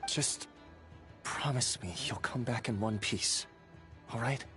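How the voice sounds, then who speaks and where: A man voicing an earnest, emotional young master who frets over his comrade in a video game, speaking in a halting, expressive way. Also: mid-range voice, music in the background, close to an everyday voice. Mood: exasperated, caring.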